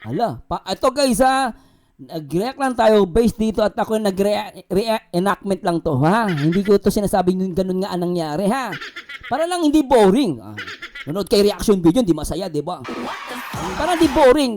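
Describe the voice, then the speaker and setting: A man's voice: high voice, animated, moderate pace, a little mellow. A man hosting a reaction video, commenting casually and jokingly with lots of fillers. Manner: chatty, joking, many fillers like oh and di ba. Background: background music.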